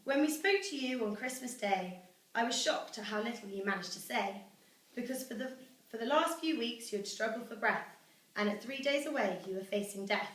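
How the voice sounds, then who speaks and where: At a family celebration, a daughter who is a young British woman reads aloud her own rhyming celebratory poem to those gathered. Her slightly high, a-bit-bright voice has lively intonation at normal speed. Expect an echoey room, a distant mic, and faint noise.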